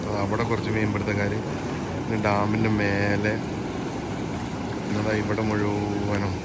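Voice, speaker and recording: Excitable man vlogging in mix, noisy outdoors. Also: on the low side. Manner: Malayalam mixed with casual English words; excitable, exclaiming, chatty with bystanders. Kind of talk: casual on-location fishing vlog. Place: outdoors at a dam. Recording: noisy outdoor recording with rushing water.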